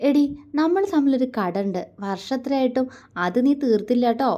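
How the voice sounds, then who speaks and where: A woman's voice: fairly high pitch, expressive, a little fast, a little mellow, dull audio, close to an everyday voice. A woman voicing a playful coaxing husband. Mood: teasing. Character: affectionate teasing young husband.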